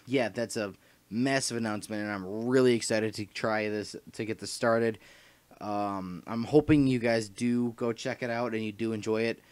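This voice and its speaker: A man's voice: on the low side, clear, resonant tone, no room sound. A young man rambling through a casual vlog announcement, full of fillers and restarts, his throat dry and short of breath. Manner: rambling, repeats himself, many fillers and restarts. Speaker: YouTuber announcing his podcast.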